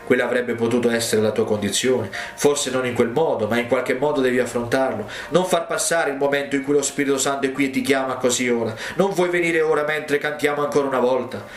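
A man's voice: medium pitch, brisk, hardly any pauses, reverberant, faint music behind. A man preaching a revival altar call, urging listeners with pleading exhortations.

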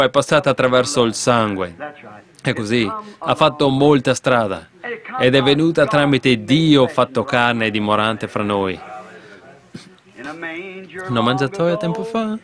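Fervent male preacher, sermon with hymns, slightly high voice, congregation audible behind. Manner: fervent, breaks into song. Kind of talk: sermon mixed with hymn singing.

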